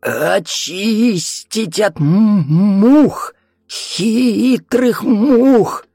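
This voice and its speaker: A man voicing a creepy grandfather spirit in an audiobook, speaking in a hoarse, rough voice that stutters. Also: high-pitched, drawn-out words, mellow, no room sound, clean studio sound, voice pushed up, exaggerated voice. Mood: menacing.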